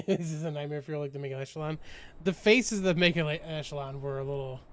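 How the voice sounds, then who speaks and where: A man's voice: fairly high pitch, fast, a bit bright, no room sound. A man hosting a gaming channel, chatting casually with teammates as he plays, laughing often and restarting his sentences. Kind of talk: casual let's-play chat with teammates.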